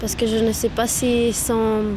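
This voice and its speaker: A woman's voice: a little high, completely flat delivery. A twelve-year-old girl from Romania, talking hesitantly about her arrival in France. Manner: slow, hesitant. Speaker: interviewer. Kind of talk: telling her story. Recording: street noise.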